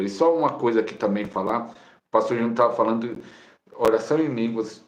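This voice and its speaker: A Brazilian man who co-hosts a live stream and explains in a loose, conversational way with fillers. His mid-pitched voice carries a noticeable roomy echo.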